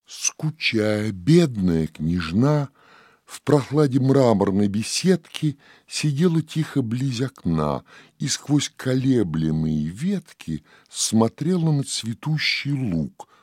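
A man reciting narrative verse as an audiobook narrator, in a dramatic way that drops to whispers and rises to loud outbursts. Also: mid-range voice, big pitch swings, slow pace, slightly rough, no echo, studio quality. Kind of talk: poetry recitation.

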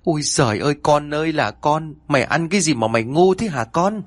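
A man voicing a shrill, scolding middle-aged village mother who rebukes her son fast and loud. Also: expressive, husky, no room sound. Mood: wailing. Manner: shrieking, fast, wailing rebukes.

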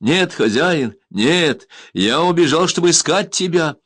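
A man's voice: fairly high pitch, expressive, a little slow, fairly bright tone, pitched above the performer's own voice. A man voicing a loyal male Indian servant in a storybook reading, pleading and fervent in a raised voice. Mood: overjoyed.

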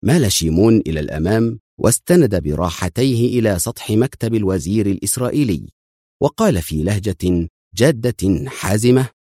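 A male audiobook narrator with a low voice and lively, expressive pitch. He tells the story in a scripted, dramatic way. The recording is dry and close. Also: a little fast, no room sound.

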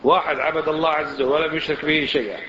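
A man teaching a religious lesson, quizzing his listeners with lively rhetorical questions. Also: fairly high pitch, rapid-fire, a crowd in the background. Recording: echoey room, dull lo-fi sound.

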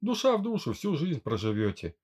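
A man reading a gentle young mother in an audiobook, soothing and talkative. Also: on the high side, fairly quick, husky, voice pushed up, heavily acted. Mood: gentle chatty. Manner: soothing, lively chatter. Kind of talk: audiobook character voice.

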